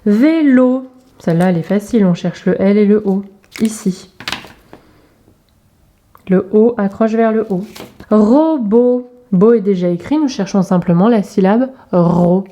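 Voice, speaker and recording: A primary school teacher guides young pupils through an exercise in a remote lesson video. She spells out sounds and letters slowly and carefully in a warm, mid-range voice.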